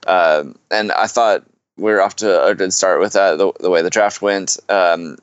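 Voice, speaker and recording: Low-voiced, measured podcast man. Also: fairly even intonation, clear, resonant tone, no room sound, muffled recording. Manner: measured and explanatory, with frequent "you know" fillers. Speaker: fantasy football podcast co-host. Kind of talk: casual podcast chat.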